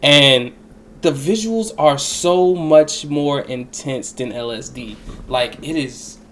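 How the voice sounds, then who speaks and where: A man's voice: medium pitch, takes it slowly, a bit bright, a little hiss or hum. A young man telling a personal story in a casual, rambling way, with plenty of slang and swearing. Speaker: storyteller recounting a personal experience.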